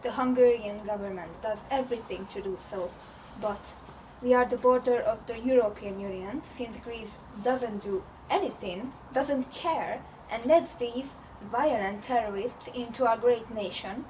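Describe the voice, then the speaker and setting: A woman's voice: a little high, measured pace, warm tone, distant mic, natural voice. A woman playing a pompous, self-righteous politician in a parody news interview. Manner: pompous, declaiming. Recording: noisy amateur location recording.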